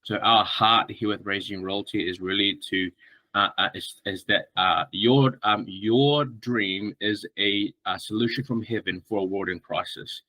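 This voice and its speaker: A man in his thirties from Samoa, talking with a bright, lowish voice. He is easygoing and friendly, with plenty of "um"s and restarts, and the sound is dry and close. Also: unhurried, no echo, low-quality recording. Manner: friendly, relaxed, many fillers and restarts. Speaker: guest, strength coach. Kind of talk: casual podcast interview.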